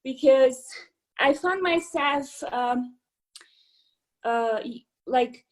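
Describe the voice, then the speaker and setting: A woman, talking about fitness on a video call. Her voice sits high and she takes her time, pausing with fillers and restarting sentences. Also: low-quality recording. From Hungary. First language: Hungarian. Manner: unhurried, many fillers and restarts. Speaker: fitness instructor, guest. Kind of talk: casual interview over video call. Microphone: video call microphone.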